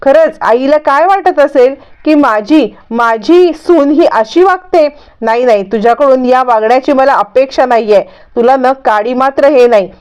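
A woman's voice: high voice, a little mellow, clear, resonant tone, lightly acted. Woman voicing a scheming scolding aunt. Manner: stern, slow, hectoring scolding. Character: scheming scolding middle-aged woman, bossy and sharp-tongued. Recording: dull lo-fi recording.

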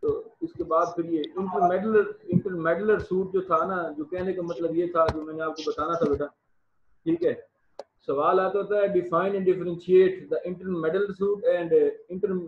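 A man teaching an online law class, repeating himself, with his voice breaking up over a bad connection. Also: sits high. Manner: repeats himself, addresses students as child. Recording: tinny echoey video call with faint noise.

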